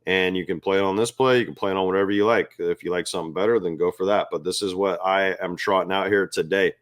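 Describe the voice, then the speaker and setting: A man's voice: sits low, steady tone, fast. A man hosting a sports betting picks show, talking loosely and with amusement straight to his viewers. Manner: chatty, loose and self-amused, talks straight to viewers as "guys". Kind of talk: casual talk to camera.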